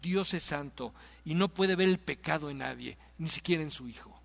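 Preacher guy, high voice, emphatic sermon, lots of rhetorical questions, big echoey church. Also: moderate pace, vocal fry. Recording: long reverb of a large hall.

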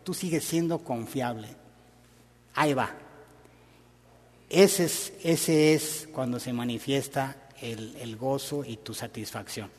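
Slow, conversational preacher. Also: male voice, mid-range voice, big-room sound. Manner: conversational, storytelling. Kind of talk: sermon.

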